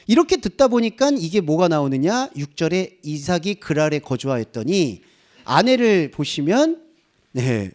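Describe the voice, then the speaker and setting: A man's voice: high-pitched, a little mellow. A man preaching a sermon as a pastor, asking the congregation rhetorical questions. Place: church.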